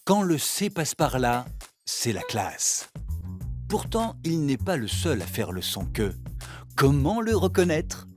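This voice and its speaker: A man hosting and narrating a scripted educational cartoon in a bright, playful, emphatic way. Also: a little high, very animated, slow pace, faint music behind. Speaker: narrator and host.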